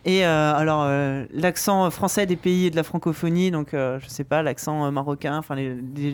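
A man in casual chat, opinionated and animated, who swears now and then. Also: fairly high pitch.

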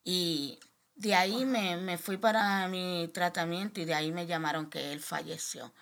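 A middle-aged woman giving a personal faith testimony on a podcast, halting and restarting, her voice rising sharply as she pleads. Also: fairly low pitch, steady tone, fairly bright tone. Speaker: guest sharing testimony.

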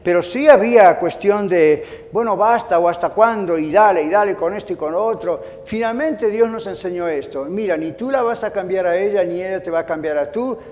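Middle-aged male pastor, high voice, echoey hall. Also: a little fast, hardly any pauses. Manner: animated storytelling, acting out quoted voices. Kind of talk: sermon.

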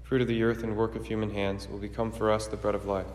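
Solemn priest in cathedral-like echo. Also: male voice, lowish voice, flat delivery, darkish tone, slight background noise. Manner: measured, reverent, formal recitation. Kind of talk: solemn liturgical prayer. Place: large echoey church. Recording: cathedral-like echo, long hall reverb.

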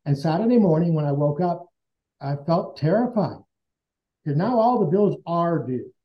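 On a dull lo-fi recording, this guest speaks with a slightly high voice, lively intonation and a moderate pace. He earnestly recounts a personal story in conversation, acting out dialogue from memory.

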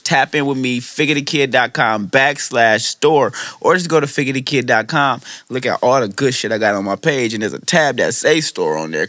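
A man's voice: mid-range voice, fairly bright tone, dry recording. An American man hosting a podcast in casual banter, talking in profane, slangy bro-talk. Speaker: podcast host.

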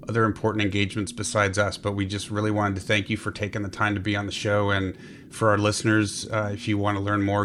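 Low, even-toned man hosting a podcast. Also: slight background noise. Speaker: podcast host. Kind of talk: casual chat.

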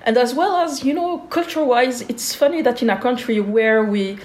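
A Swiss woman in her forties, a guest in an interview, speaks thoughtfully with many pauses and fillers. Her voice is fairly high, and the room sounds echoey.

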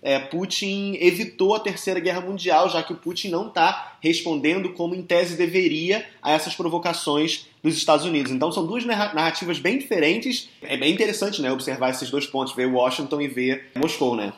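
Homem hesitante em sala com eco. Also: male voice, a little high, a bit bright, reverberant. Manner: hesitant, many filler pauses. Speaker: commentator. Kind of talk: conversational analysis.

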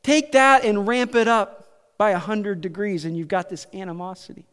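A man's voice: high voice, steady tone, moderate pace, a bit bright, smooth. A male preacher giving a sermon in a casual, conversational storytelling way, often checking in with "like" and "right?". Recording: echoey hall with long reverb.

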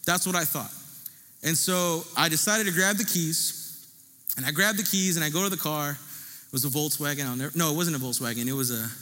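A man preaching a sermon, telling a personal story in an animated way and often checking in with "right?". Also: fairly high pitch, a little fast. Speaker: pastor. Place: church sanctuary. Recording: long church hall reverb.

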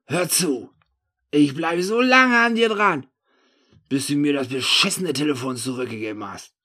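A man voicing his own drunk, furious younger self, slurring and shouting. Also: medium pitch, expressive, a little slow, husky.

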